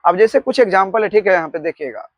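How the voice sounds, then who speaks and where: A man with a fairly high voice teaches a grammar lesson. He explains with examples and dictates slowly, saying key words twice. The recording is dry and close, with no room sound. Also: no echo, muffled recording. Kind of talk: Hindi grammar lecture.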